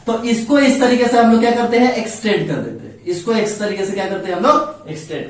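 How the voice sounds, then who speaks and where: A man's voice: high-pitched, animated, quick pace, recorded from a distance. Male physics teacher in a very echoey room. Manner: asks and answers his own questions, repeats key points; mixes Hindi with English phrases. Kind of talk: classroom lecture. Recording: very echoey room, mic set back.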